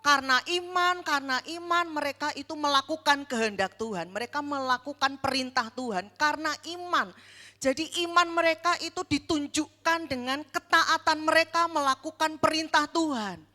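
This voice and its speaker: A woman with an Indonesian accent, preaching a sermon in a church and asking the congregation questions, with slow emphatic stresses. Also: sits high, sharp tone, long reverb tail. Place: church hall.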